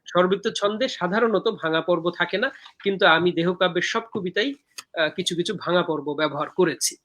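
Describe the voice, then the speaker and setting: A man hosting a live poetry talk over a video call, explaining verse meter in a measured way with frequent hesitant fillers. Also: high voice, a bit bright, muffled recording. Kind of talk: explaining verse meter and reading viewer comments.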